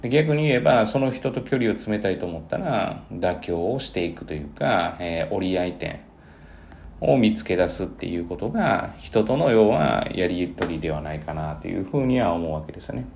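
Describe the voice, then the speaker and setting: A man who teaches at a cram school, hosting a relaxed solo podcast and musing aloud with many fillers and self-corrections. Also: deep voice, normal speed, creaky, a little hiss or hum.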